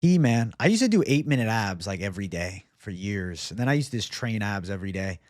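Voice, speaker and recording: A man's voice: fairly low pitch, sing-song, fairly quick, dry recording, studio quality. A man in his twenties hosting a livestream, chatting casually with viewers in slangy, sweary bro-talk. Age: 20s. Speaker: livestream host. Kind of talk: casual livestream chat, reading and answering viewer comments.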